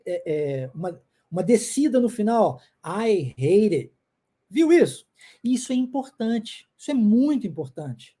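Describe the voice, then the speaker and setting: A Brazilian woman teaches an English lesson online, her speech sliding up and down with lots of melody. Her voice sits a bit high but sounds warm and mellow. She drills short phrases again and again and keeps checking that the listener is following. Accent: Brazilian Portuguese. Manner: animated, drills phrases by repetition, frequent check-in tags.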